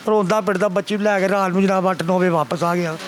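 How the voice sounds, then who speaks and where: A man's voice: sits high, fairly even intonation, fast talker, a little hiss or hum. An older man with a Pakistani Punjabi accent, giving a pleading, repetitive account to a reporter and often calling the listener sir. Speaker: complainant father. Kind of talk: emotional testimony to a reporter.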